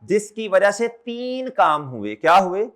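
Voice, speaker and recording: Brief: male lecturer with a high voice, drilling students with repeated questions. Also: very animated, unhurried, fairly bright tone. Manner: calls students brother and children. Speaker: accountancy teacher. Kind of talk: classroom lecture.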